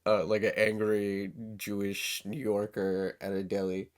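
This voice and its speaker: A man's voice: fairly low pitch, flat delivery, measured pace. A man co-hosting a podcast, chatting casually about politics in a rambling, self-mocking way that often trails off. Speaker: podcast co-host.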